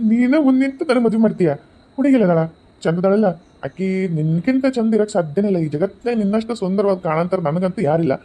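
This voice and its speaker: A man's voice: high voice, quick pace, dark tone, close to an everyday voice, low-quality recording. A man with a North Karnataka accent voicing a doting, playful young husband in a cartoon who teases affectionately. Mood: teasing. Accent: North Karnataka Kannada. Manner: teasing, affectionate. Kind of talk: cartoon voice acting.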